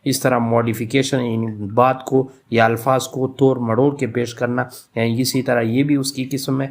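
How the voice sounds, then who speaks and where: A male professor, explaining a lesson slowly in speech mixed with English terms, with frequent fillers. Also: medium pitch, level tone. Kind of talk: lecture on English literature.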